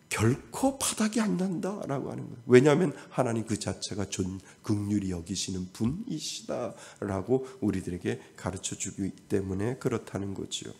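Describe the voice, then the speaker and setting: A man's voice: medium pitch, gravelly, darkish tone. A male pastor preaching a sermon, asking the congregation questions and acting out God's words in quoted dialogue.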